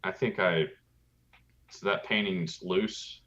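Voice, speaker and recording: A man's voice: sits low, steady tone, takes it slowly, a bit bright. A man player in a tabletop game, asking questions in a slightly confused way. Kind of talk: casual tabletop play. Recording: dull lo-fi sound.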